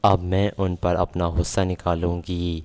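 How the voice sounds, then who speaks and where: Grieving angry young wife, read by a deep-voiced man. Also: little pitch movement, darkish tone. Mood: angry grief. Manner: plain read-out of a quoted line.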